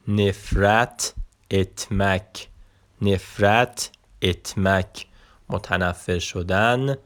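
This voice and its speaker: A man teaching a language lesson, pronouncing each word slowly and repeating it, with quick asides in between. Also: fairly low pitch. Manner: slow deliberate repetition of each word, then quick asides. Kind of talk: vocabulary lesson, reading words aloud.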